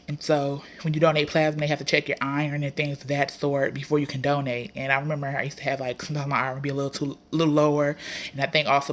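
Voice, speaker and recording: A woman's voice: deep voice, fairly bright tone. Congested, nasal woman chatting casually. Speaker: vlogger. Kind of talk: casual chat, personal health update.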